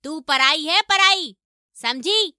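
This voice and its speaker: Woman voicing a taunting mother-in-law, bright and high. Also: lively intonation, takes it slowly, no echo, studio quality, exaggerated voice. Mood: scolding. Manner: taunting, domineering. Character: harsh scolding middle-aged mother-in-law. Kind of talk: animated story voice acting.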